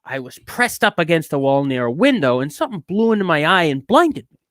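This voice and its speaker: In a theatrical dramatic reading, a man plays an edgy, bitter, neurotic ranter rambling through a cranky travelogue, his put-on accent drifting as he goes. His voice sits a little high and runs a little fast, very animated with a fairly bright tone. The studio-quality recording has no room sound.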